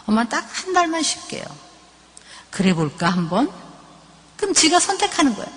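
Lively middle-aged woman lecturing in a hall. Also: a little high. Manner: lively storytelling, acting out family dialogues. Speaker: professor lecturing on parenting. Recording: long reverb of a large hall.

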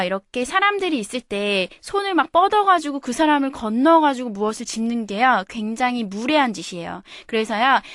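Bright-voiced woman teaching English. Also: on the high side, no room sound, studio quality. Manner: explains patiently, says example phrases slowly. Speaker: English teacher and radio host. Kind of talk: radio English lesson. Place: radio studio.

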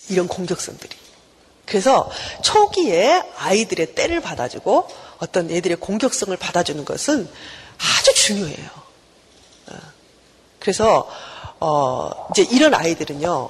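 A woman professor giving a university lecture, animated and asking her class rhetorical questions. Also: medium pitch, breathy edge. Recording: reverberant lecture hall.

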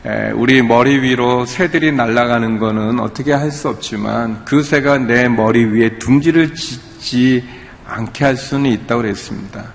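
Gravelly male pastor in echoey hall. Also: medium pitch. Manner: conversational, halting with many fillers. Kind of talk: sermon.

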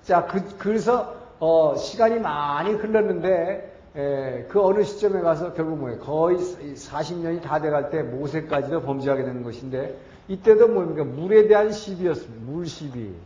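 A man giving an animated Bible lecture, often asking the audience rhetorical questions and acting out quoted lines. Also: a little high, normal speed. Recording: roomy, dull lo-fi sound.

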